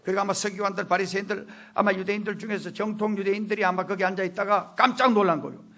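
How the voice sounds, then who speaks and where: High-voiced Korean man preaching dramatically. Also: fairly even intonation, fast. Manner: dramatic, swings between loud proclamations and hushed asides; acts out the quoted voices in the story. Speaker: pastor. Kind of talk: sermon.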